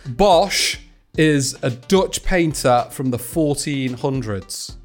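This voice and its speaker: A man's voice: medium pitch, animated, slow, faint music behind. A man hosting a podcast, running a playful quiz and wrapping up the episode in an upbeat way. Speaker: podcast host. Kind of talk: interview and scripted outro.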